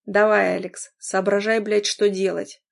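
A woman's voice: medium pitch, normal speed, a little mellow, lightly acted. A woman reading an audiobook, voicing a furious wealthy man who swears and growls. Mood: enraged.

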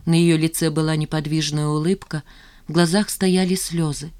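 An audiobook reader narrating a novel in a steady storytelling voice. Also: mid-range voice, normal speed.

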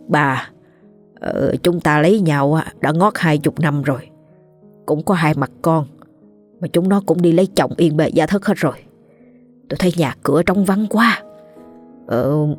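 A nervous middle-aged village landlord who stumbles and stammers over every word, voiced by a woman reading a ghost story. The voice sits low and quiet, with faint music behind it. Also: breathy edge. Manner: stammering, halting.

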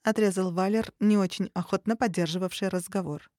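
Lady narrating a story audiobook, measured, warm mellow voice. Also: medium pitch, fairly even intonation, dry recording, studio quality.

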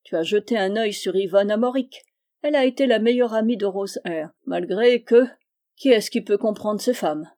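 A rowdy, sarcastic seafaring man, quick to laugh and full of boastful mockery, put on by a woman narrating a storybook. The voice is mellow underneath but pushed higher and louder for him. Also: close to an everyday voice. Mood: teasing. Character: boisterous, mocking male island sailor.

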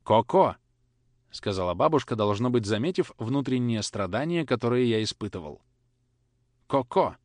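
A man narrating an audiobook in a measured, expressive reading. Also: mid-range voice, no echo. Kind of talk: scripted narration.

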